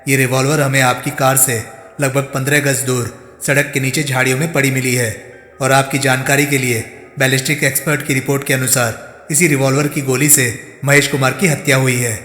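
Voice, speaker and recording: A man's voice: mid-range voice, little pitch movement, a little fast, sharp tone, echoey room, long reverb tail, natural voice. A man reading as a stern questioning inspector. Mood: probing. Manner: firm, pointed questioning. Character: stern persistent male police inspector.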